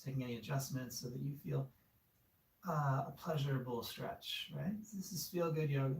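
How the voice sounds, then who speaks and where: A man guiding a yoga class, giving relaxed, encouraging cues with casual fillers. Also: mid-range voice, moderate pace, gravelly, slight background noise. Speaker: yoga instructor. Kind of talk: guided yoga class instruction. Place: studio room. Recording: echoey room, far from mic.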